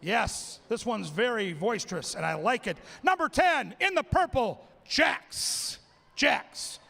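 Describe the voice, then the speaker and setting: A man calling live races as a track announcer, excitable and shouting out the calls and names. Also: sits high, moderate pace, vocal fry, slight background noise. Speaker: race announcer. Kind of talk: live race-call commentary. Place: racetrack.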